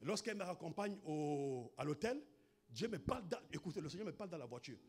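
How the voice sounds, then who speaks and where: A man preaching a sermon, moving from hushed storytelling to shouted proclamations and calling out to his congregation. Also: a little high, very animated, a little fast. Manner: punctuates with exclamations to the congregation. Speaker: pastor.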